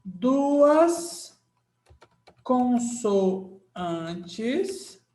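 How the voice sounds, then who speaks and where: Brazilian male teacher, slow and repetitive, echoey classroom sound. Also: very high voice, sing-song, a little mellow. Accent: Brazilian Portuguese. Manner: drawn-out, repeats key phrases, checks in with "tá?". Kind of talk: grammar lesson. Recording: echoey room.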